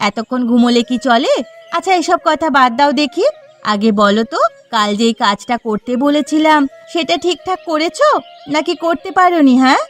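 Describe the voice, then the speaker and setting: A woman voicing a nagging, excitable village wife in a cartoon who plots a theft. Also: high voice, moderate pace. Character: scheming shrill village wife. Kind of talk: Bengali cartoon voice acting.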